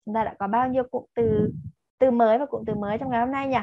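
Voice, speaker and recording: A woman's voice: on the high side, steady tone, quick pace, dry recording, lo-fi sound. A woman with a Vietnamese accent teaching English to children, patiently mixing Vietnamese explanations with repeated English drill words. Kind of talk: slow lesson with repeated pronunciation drills.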